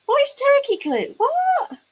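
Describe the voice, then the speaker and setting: Working on crafts during a laid-back livestream, a woman chats with her audience and reads their messages aloud, teasing them playfully. Her voice is very high and unhurried, with huge swings in pitch.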